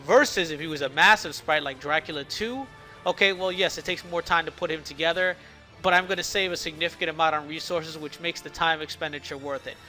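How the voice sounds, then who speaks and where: A man's voice: a little high, a little fast, sharp tone, faint music behind, low-quality recording. A man talking casually through a game devlog, his speech a little slurred by a swollen lip, with occasional stumbles. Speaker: indie game developer narrating a devlog. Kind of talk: casual explanatory devlog talk.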